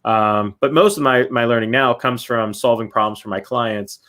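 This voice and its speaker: A man's voice: medium pitch, normal speed, fairly bright tone. A man, a company CEO, answering interview questions loosely with many fillers.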